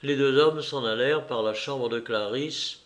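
A man narrating a classic novel as an audiobook, in a steady, measured storytelling manner. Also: mid-range voice.

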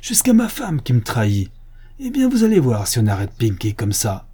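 A man's voice: medium pitch, huge pitch swings, moderate pace, mellow, breathy edge. A man voicing a brawling, boastful bandit who roars his defiance at the police. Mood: defiant roaring. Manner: roaring, defiant.

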